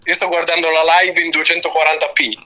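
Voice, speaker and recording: A man's voice: a little high, level tone, quick pace, bright, forceful tone, lo-fi sound. A man calling in over a phone on speakerphone, playfully begging in casual chat. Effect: heard over a phone on speakerphone. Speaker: caller.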